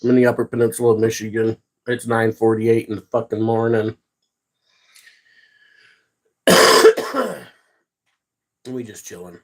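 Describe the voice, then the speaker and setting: A man's voice: mid-range voice, expressive, normal speed. A man hosting a casual livestream, chatting with viewers and ranting with heavy profanity. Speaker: livestream host.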